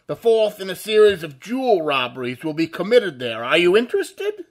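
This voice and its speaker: A man's voice: sits high, huge pitch swings, moderate pace, full character voice. An actor playing a suave, mocking male mystery vigilante in a 1930s-style radio drama, with a theatrical, menacing delivery. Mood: taunting. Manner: theatrical, menacing laugh, hypnotic intonation.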